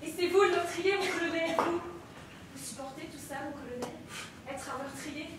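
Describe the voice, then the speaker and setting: A woman's voice: extremely high pitch, moderate pace. Woman playing a bitter young soldier. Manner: bitter, accusing, bursts into shouts. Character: despairing young male soldier back from war. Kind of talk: stage play performance. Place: theatre stage. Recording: echoey hall, mic far off, faint noise.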